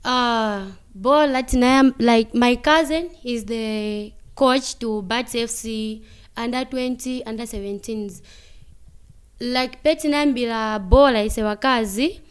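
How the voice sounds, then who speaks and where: A young Zambian woman speaks slowly and carefully, her voice clear and smooth, a little higher than most. She pauses often with fillers and slips local words into her English. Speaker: interviewee, football player. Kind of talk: casual interview answers.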